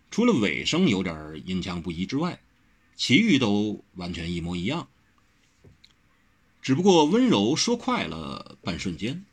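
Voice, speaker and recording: A man narrating a martial-arts novel as an audiobook, with expressive storytelling. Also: lowish voice, breathy edge.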